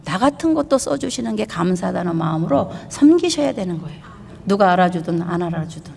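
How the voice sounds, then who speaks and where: A woman's voice: on the low side, lively intonation, a little fast, vocal fry, a little mellow, a little hiss or hum. A woman pastor preaching an emphatic sermon, putting rhetorical questions to her congregation. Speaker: pastor and missionary. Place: church sanctuary. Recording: long reverb of a church hall.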